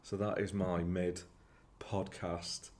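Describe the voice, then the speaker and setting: A man's voice: low-pitched, flat delivery, takes it slowly, darkish tone. A man hosting a podcast, chatting casually and teasing his co-host with self-mocking banter. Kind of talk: casual chat.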